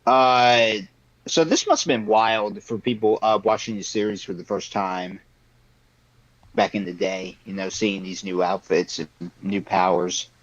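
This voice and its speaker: Man, low voice, casual ramble with heavy fillers; dry, muffled call mic. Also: fairly even intonation, measured pace, no echo. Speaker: podcast panelist. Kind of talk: casual group chat over a call.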